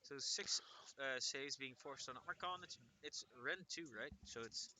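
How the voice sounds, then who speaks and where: A man's voice: medium pitch, measured pace, bright, forceful tone. A man commentating a tabletop wargame tournament in a chatty, joking way, calling out the dice rolls.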